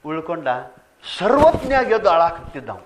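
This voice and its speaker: A man preaching a storytelling sermon, swinging between loud exhortation and quiet narration. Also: sits high, big pitch swings, moderate pace, background noise. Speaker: religious preacher. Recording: dull lo-fi recording.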